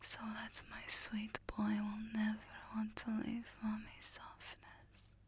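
A woman voicing a doting, furry, serpent-like monster hostess in a slow, breathy, soothing whisper. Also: mid-range voice, completely flat delivery. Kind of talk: whispered ASMR roleplay.

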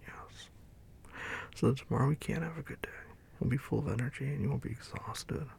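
A man speaks in a low, intimate murmur that often drops to a whisper. His voice is very husky and breathy, with gravelly fry and a warm, mellow tone. He sounds soft and soothing, close to the microphone. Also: a little fast. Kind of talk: whispered boyfriend roleplay ASMR.

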